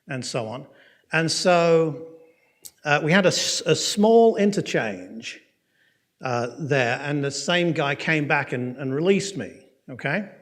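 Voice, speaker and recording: Man, English accent, mid pitch, Bible course teacher, personal story, conversational, fillers and restarts, checks in with listeners. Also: a bit bright. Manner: frequent fillers and restarts, pace swinging quick and slow. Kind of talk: lecture with personal testimony.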